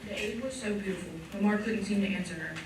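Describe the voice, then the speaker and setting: A woman's voice: medium pitch, fast talker, background noise. A woman reading scripted narration for a stage play. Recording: echoey hall, distant, loud music behind.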